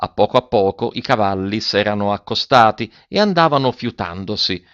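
A man narrating a literary novel in a measured, expressive reading. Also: on the low side, dry recording, lo-fi sound. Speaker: audiobook reader.

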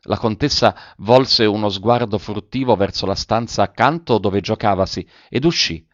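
A man narrating a literary story in a measured, even way. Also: lowish voice, no room sound, muffled recording.

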